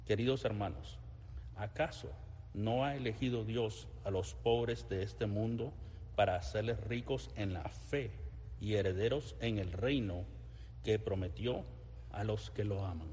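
A man's voice: on the low side, unhurried, a little mellow. A man reading scripture solemnly as lector in a large, reverberant church. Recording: echoing church with background noise.

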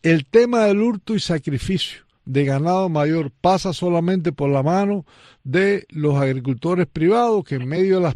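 A man hosting a news program, speaking in a measured way with frequent pauses. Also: fairly high pitch, darkish tone, no echo, clean studio sound. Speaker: news show host. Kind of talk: radio news interview.

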